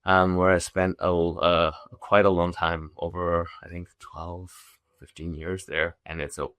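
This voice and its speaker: Middle-aged guy from zambia, deep voice, lots of ums and restarts, dry close sound. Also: flat delivery, fairly bright tone, clean tone, dry recording. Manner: halting, many restarts and fillers. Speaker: podcast guest, company founder. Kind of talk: casual interview chat.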